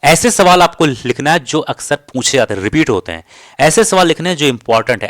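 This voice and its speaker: A man's voice: mid-range voice, fairly bright tone, no echo, studio quality. A man teaching a study strategy lesson for an entrance exam, speaking directly, repeating key points and checking in with the listener often.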